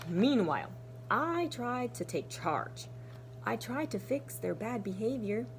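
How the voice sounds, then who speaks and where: Reading a children's storybook at a slow pace, a kindergarten teacher speaks in a fairly high voice with expressive, deliberate animation and occasional hushed, breathy asides. There is slight background noise.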